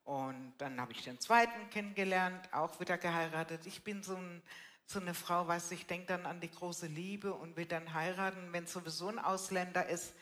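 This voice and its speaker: At a live church event with an audience, an older woman gives personal testimony in a casual interview, her manner blunt and colloquial and her sentences often tagged with "ne." She speaks at normal speed in a fairly low, slightly bright voice.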